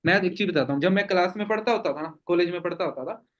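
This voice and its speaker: A young network marketing team leader runs a meeting, answering questions forcefully with rhetorical questions and constant "theek hai?" check-ins. His voice sits high and sounds a bit bright, and he talks fast.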